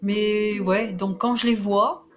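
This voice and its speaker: A woman from France talking in a casual vlog monologue, excitable and emphatic, with frequent restarts. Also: mid-range voice, slow pace, muffled recording, music in the background. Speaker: vlogger.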